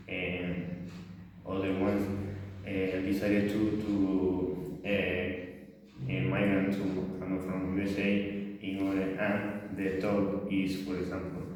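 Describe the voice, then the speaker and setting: A man's voice: deep voice, darkish tone, slight background noise. A young man from Venezuela, a Spanish speaker, gives a hesitant class presentation full of fillers and restarts. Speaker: language student presenting. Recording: distant, echoey room.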